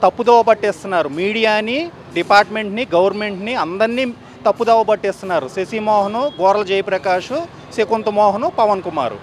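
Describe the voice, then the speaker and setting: A man's voice: sits high, fairly quick, slight background noise. A young man with an Andhra Telugu accent, a theater owner making an agitated, pleading statement to the press, repeating his points.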